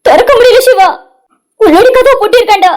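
A woman's voice: very high voice, fairly quick, a little mellow. A woman voicing a worried middle-aged mother in an amateur cartoon, talking in a wailing, distraught way.

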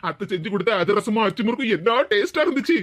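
Woman playing a quick-talking soft-hearted husband. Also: medium pitch, lively intonation, close to an everyday voice. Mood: placating. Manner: placating, soothing. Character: mild-mannered young village husband. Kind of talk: cartoon voice acting.

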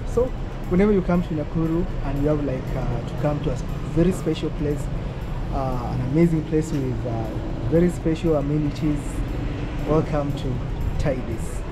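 A man's voice: on the high side, moderate pace, poor audio. A man in his thirties hosting a casual travel vlog, upbeat and mixing English with Swahili, filmed at arm's length in a car. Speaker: travel vlogger host. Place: parked car, indoors. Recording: loud background music.

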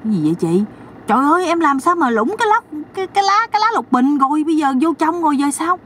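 Woman playing a clueless sister-in-law, squeaky and whiny, faint noise behind. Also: very animated, fast, fairly bright tone. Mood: panicked. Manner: high, whiny, flustered. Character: naive pretty woman, easily flustered. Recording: distant mic, faint background noise.

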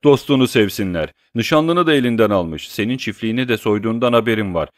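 A man reading an audiobook, voicing a coarse, bullying male swindler who rants and hurls insults loudly. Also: fairly low pitch, animated, quick pace, no echo, clean studio sound, natural voice. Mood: ranting. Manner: loud, abusive ranting.

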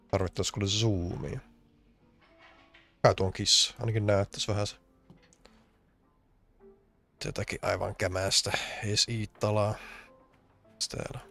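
Gravelly low-voiced male streamer. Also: fairly bright tone. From Finland. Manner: rambling, joking, complaining. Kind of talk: casual let's-play commentary.

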